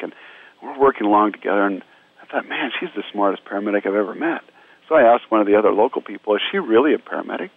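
A man earnestly recounting his disaster relief work in a radio interview. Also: on the low side. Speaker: disaster relief medical team member. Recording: narrow phone-line sound.

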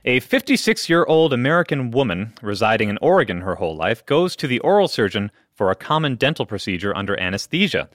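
A man's voice: mid-range voice, very animated, quick pace, hardly any pauses, a bit bright, no room sound, clean studio sound. A man co-hosting a medical radio show, reading health news with jokey, pun-filled banter. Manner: jokey, fond of puns.

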